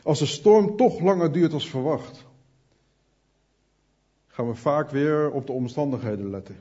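A man's voice: fairly high pitch, expressive, a little slow, dark tone, slightly rough, muffled recording. A man preaching an earnest sermon, speaking directly to his listeners.

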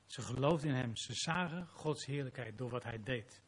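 A man's voice: mid-range voice, moderate pace, breathy edge. A man preaching a sermon as pastor, reading scripture dramatically and closing in prayer.

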